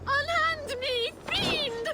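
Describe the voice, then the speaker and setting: A woman's voice: extremely high pitch, extremely slow, full character voice. An actress playing a theatrical noblewoman who wails like a damsel in distress in a video game. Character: playful Saxon noblewoman staging her own kidnap as damsel in distress.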